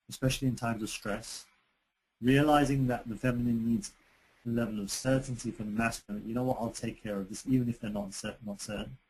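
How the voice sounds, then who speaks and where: A man presents a relationships lesson in a webinar, talking in a chatty way and frequently using fillers and starting over. Captured on a low-quality computer mic, his mid-range voice has a darkish quality.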